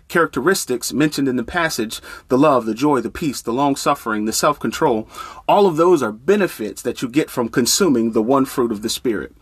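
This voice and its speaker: A man's voice: fairly high pitch, no room sound, clean studio sound. A man preaching a sermon in a conversational, storytelling way.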